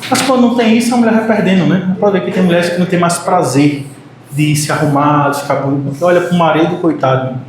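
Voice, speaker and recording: High-voiced Brazilian preacher in an echoey church. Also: male voice, quick pace. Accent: Brazilian Portuguese. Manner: animated, joking with the congregation, acts out short quotes. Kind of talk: sermon. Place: church hall. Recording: very echoey church hall, faint noise.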